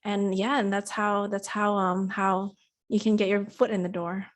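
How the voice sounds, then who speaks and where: A woman's voice: mid-range voice, level tone, moderate pace. A woman who grew up in Indonesia and Australia, a TV producer and interview guest, telling her story in a chatty, rambling way with plenty of fillers. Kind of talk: casual interview.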